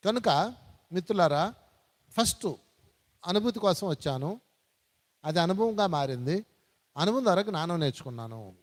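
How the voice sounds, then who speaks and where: High-voiced man giving a spiritual talk. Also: expressive, normal speed, long pauses. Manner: storytelling, repeating phrases for emphasis. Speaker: spiritual speaker. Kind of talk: satsang talk. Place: large meditation hall. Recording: reverberant hall.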